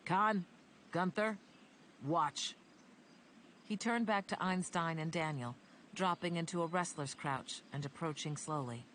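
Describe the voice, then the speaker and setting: A woman narrating an audiobook in an even, measured reading. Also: sits low, a little hiss or hum.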